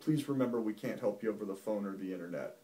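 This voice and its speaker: A man's voice: fairly low pitch, quick pace, dark tone, distant mic, a little hiss or hum. A male physician explaining a medical topic in a folksy, plain-spoken, patient way. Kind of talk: medical explainer talk to camera. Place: doctor's office.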